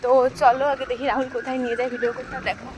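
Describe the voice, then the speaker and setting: A woman's voice: sits high, level tone, very fast. A young woman, chatting directly to viewers in a casual vlog while out on sunny streets. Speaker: vlogger. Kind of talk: casual outdoor vlog chat. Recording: noisy outdoor phone recording.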